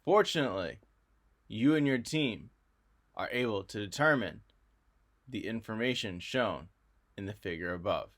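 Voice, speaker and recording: A man's voice: on the low side, lively intonation, moderate pace, pauses often, a bit bright. A male math teacher talking through a recorded video lesson in a friendly, explanatory way.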